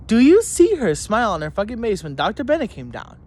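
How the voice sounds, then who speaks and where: A young male student, his high voice swooping wildly in pitch, talks a little fast with a slightly mellow tone. His angry, profane rant to camera about teachers rambles and restarts often, delivered with heated indignation and mockery as he recounts a school story.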